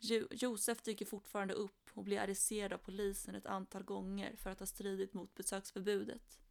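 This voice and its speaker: Flat, gravelly woman telling true crime. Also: medium pitch.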